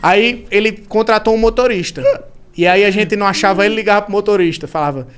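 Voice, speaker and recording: A man's voice: high-pitched, fast, clear, resonant tone. A Brazilian man telling family stories in a casual podcast chat, mimicking the voices of his relatives. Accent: Brazilian Portuguese. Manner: animated storyteller, imitates relatives' voices. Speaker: podcast guest, comedian.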